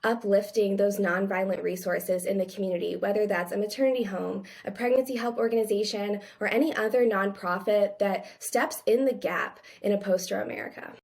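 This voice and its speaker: A woman's voice: medium pitch, fairly even intonation, fairly quick, vocal fry, few pauses, a little mellow. A nineteen-year-old woman, a college student, speaking confidently in an interview.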